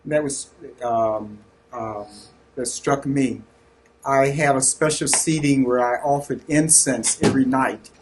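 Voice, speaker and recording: A man's voice: mid-range voice, steady tone, takes it slowly, slight background noise. A man in his sixties with a Southern US accent, a Redemptorist priest earnestly sharing reflections with a group and searching for his words. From North Carolina, USA.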